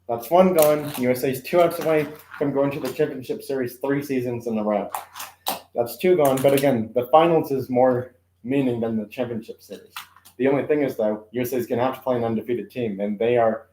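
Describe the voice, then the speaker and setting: A man's voice: mid-range voice, mellow, echoey room, slight background noise, rough recording. Rambling man commentating on toy car games. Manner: rambling, self-correcting, lots of "um" and asides. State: occasional coughing. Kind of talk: casual live-stream commentary. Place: room at home.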